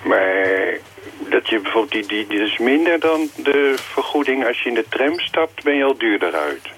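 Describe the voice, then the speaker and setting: A man's voice: medium pitch, lively intonation, moderate pace, fairly bright tone, a little hiss or hum. Een man van in de vijftig uit Amsterdam die inbelt bij een radioprogramma en beleefd, wat hakkelend en van de hak op de tak vertelt. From Amsterdam, Netherlands. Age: 50s. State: calling in to a radio show. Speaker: caller. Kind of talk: casual chat.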